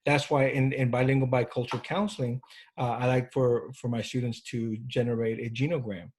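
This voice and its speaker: A man with a husky, slightly breathy voice teaches a counseling class in an informal, conversational way. He often checks in with his students and restarts his sentences as he thinks aloud. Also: medium pitch, level tone, fairly quick, a little mellow. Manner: informal, with frequent restarts and fillers. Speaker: counseling instructor. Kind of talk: classroom lecture.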